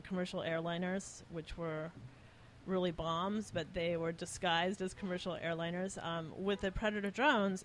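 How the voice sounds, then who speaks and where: A woman being interviewed as an author, explaining her arguments in a measured way. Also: on the low side, slight background noise. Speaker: author guest. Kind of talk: conversational interview.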